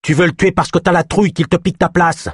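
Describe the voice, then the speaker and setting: A man's voice: high-pitched, steady tone, fast, breathy edge, no echo, clean studio sound, voice pushed up. A man voicing a defiant old female healer who scolds her accuser. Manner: scolding, sharp retorts.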